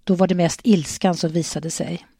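A woman's voice: fairly low pitch, steady tone, warm tone, slightly rough, dry recording, clean studio sound. A woman reading a reserved, closed-off husband. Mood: subdued. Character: reserved adult husband, quiet, emotionally closed.

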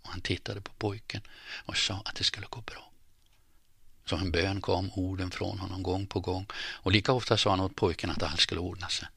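A man reading a story aloud in measured scripted narration, often dropping to a hushed near-whisper. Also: sits low, flat delivery, vocal fry, slightly rough, no echo. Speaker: audiobook narrator.

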